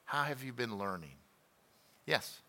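A middle-aged male pastor teaches a conversational sermon class, sharing stories from home, poking fun at himself and asking the room questions. His medium-pitched voice is sharp and animated, and his pace is a little slow.

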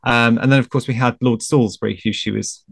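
A man with a mid-pitched voice recounts royal history in an easy, halting way, full of pauses and self-corrections. The recording is close and dry. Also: fairly even intonation, creaky, no room sound. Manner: hesitant, many ums and restarts, careful. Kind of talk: casual chat.

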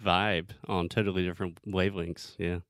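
A man interviews in a casual, chatty way. His voice is fairly low and very clean, recorded dry with little room sound. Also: flat delivery, normal speed, a bit bright, no echo. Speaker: host, interviewer. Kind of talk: casual chat.

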